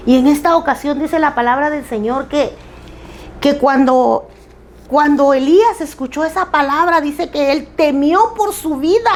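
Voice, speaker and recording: A woman preaching to a women's church group, loud, emphatic and plain-spoken, with candid, self-deprecating humor. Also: high voice, gravelly, a little hiss or hum. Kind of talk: sermon.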